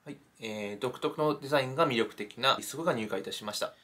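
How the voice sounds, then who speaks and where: A man's voice: medium pitch, fast, bright, forceful tone. A man giving an unscripted product explanation in a polite manner, in short, hesitant pieces. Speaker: shoe shop presenter. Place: indoors in a small shoe shop.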